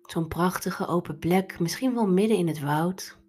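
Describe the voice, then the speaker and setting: A woman leading a guided meditation in a soft, breathy, soothing delivery over instrumental music. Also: fairly low pitch, normal speed, a little hiss or hum.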